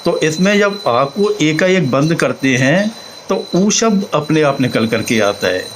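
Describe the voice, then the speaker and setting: Slow-talking man explaining chanting. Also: fairly high pitch, big pitch swings, a little hiss or hum, rough recording. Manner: slow, demonstrates sounds aloud. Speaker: teacher.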